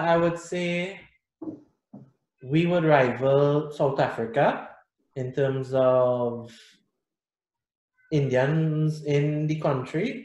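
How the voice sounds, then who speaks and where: On a video call, a middle-aged guest musician from Trinidad and Tobago talks in a fairly high pitch with his Trinidadian accent. He's casual and animated in this interview, gesturing as he explains, and the webcam captures an echoey small room indoors.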